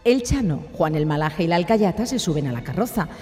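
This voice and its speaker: A woman's voice: lowish voice, expressive, brisk, warm tone. A woman narrating a comedic radio sketch. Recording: hall reverb, faint music.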